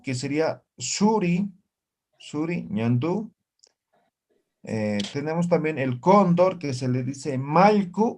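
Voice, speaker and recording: Slow, lively male teacher. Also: medium pitch. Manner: slow and lively, repeats each word and keeps asking the class "¿no?". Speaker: Aymara language teacher. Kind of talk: online language class.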